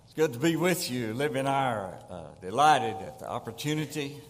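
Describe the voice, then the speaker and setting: An older Tennessee man with a Southern accent preaches a folksy sermon as a guest pastor, chuckling at the funny stories he tells. His mid-range voice is quick and lively, carried by the long reverb of a church sanctuary.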